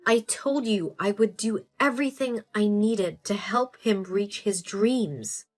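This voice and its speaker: An actress playing a devoted mother and fed-up wife who stands up to her husband in a calm, measured way. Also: medium pitch, soft background music, lightly acted. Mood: earnest. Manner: calm, measured, quietly defiant.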